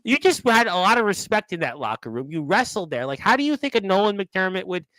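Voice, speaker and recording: With big pitch swings and a quick pace, a man with a forceful, bright, high-set voice hosts wrestling radio. He casually reads out viewer comments and reacts as they roll in. The sound is close and dry, without any room sound.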